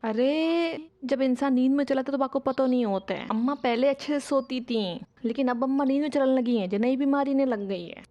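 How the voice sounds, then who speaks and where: A woman's voice: high voice, fairly quick, dull audio, natural voice. A woman acting as a housewife who talks coaxingly to her husband. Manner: coaxing, pleading. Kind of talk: sitcom acting.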